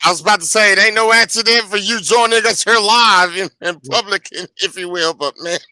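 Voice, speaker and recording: A man co-hosting a wrestling talk show, folksy and colloquial, quick to laugh. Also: sits high, pushed and bright, dry recording. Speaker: co-host.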